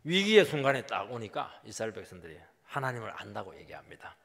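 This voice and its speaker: A middle-aged man preaching a sermon as pastor, emphatic, his voice swinging from loud highs to quiet drops. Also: sing-song, fast talker, gravelly. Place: church sanctuary. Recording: long hall reverb.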